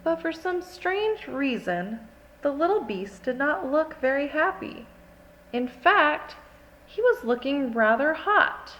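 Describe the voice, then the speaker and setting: An earnest, dramatic little girl, acted by a woman, tells a picture-book story. The voice is fairly high and very lively, with childlike expression and unhurried phrasing. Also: lo-fi sound, a little hiss or hum, heavily acted. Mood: puzzled, worried.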